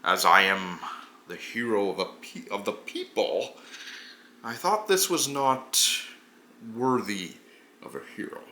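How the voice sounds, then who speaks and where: A man voicing a pompous, gravelly hobgoblin who sees himself as a hero and formally recounts his tabletop fantasy adventure, drawing out his words. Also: on the low side, expressive, sharp tone, a little hiss or hum, full character voice. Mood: self-important, puzzled. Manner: pompous, deliberate, formal storytelling with drawn-out words. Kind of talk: in-character tabletop adventure narration.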